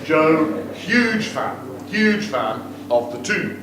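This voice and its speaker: A man's voice: fairly high pitch, sing-song, drawn-out words. A middle-aged man giving a joking, teasing wedding toast as father of the groom. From United Kingdom. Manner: teasing, joking, playful asides to guests. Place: wedding reception room with guests. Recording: very echoey room, far off, noisy.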